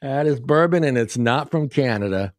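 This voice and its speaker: A man's voice: mid-range voice, expressive, moderate pace, no room sound. Joking man with a dry voice. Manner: joking, laughs often, teasing. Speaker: podcast co-host. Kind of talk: casual chat.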